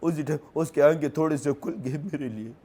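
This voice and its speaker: A man's voice: fairly high pitch, dark tone, slightly rough. Grieving man with a Pashto accent. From Khyber Pakhtunkhwa, Pakistan. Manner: halting, broken phrasing, repeats himself. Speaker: interviewee. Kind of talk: emotional recounting in interview.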